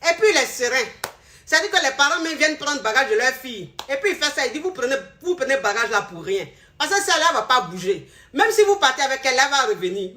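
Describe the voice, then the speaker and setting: Animated high bright woman. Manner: animated, mimics voices, addresses viewers directly. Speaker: seller of remedies and coach. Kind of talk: casual live sales talk.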